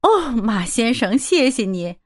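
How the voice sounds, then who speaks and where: A woman doing a shrill, bustling widow landlady. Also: sing-song. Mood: flustered polite. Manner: high, quick, eager.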